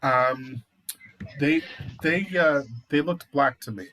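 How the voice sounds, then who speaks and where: A man co-hosts a casual discussion of the news in a mid-pitched voice. He speaks haltingly, working out his words as he goes. There is faint noise in the background. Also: bright, forceful tone, low-quality recording. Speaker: talk show co-host.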